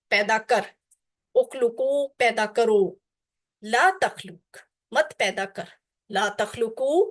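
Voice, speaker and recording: A woman teaching a class on Quranic Arabic, drilling word forms slowly and deliberately, then explaining them. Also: on the high side, a bit bright.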